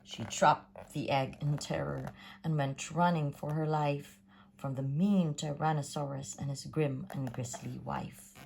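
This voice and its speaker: A woman reading a rhyming children's story aloud in a theatrical, sing-song, expressive way. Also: sits low, gravelly, a little hiss or hum. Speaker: storybook reader.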